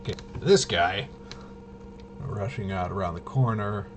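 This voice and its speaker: His voice is on the low side and a little slow, with noise in the background. As a solo tabletop RPG player and presenter, he walks casually through the game, thinking out loud in hesitant mutters.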